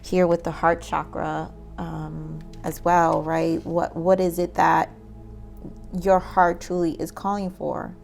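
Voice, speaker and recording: A woman's voice: on the low side, level tone, takes it slowly, vocal fry, over music. A woman giving a casual tarot reading, musing aloud with many "like"s and "um"s as she pulls cards. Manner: musing, says "like" and "um" often, talks to spirit while pulling cards. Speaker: tarot reader.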